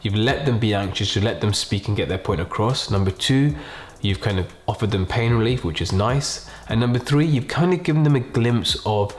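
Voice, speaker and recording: A man's voice: lowish voice, normal speed. A man giving an informal step-by-step lesson as a medical tutor, explaining methodically and numbering his points. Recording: roomy, echoing voice pickup.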